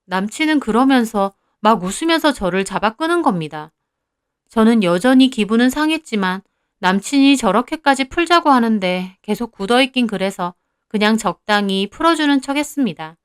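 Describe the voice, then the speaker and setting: A woman's voice: a little high, expressive, moderate pace, clean tone, dry recording, clean studio sound. A young woman narrating a first-person story in a confiding, conversational way.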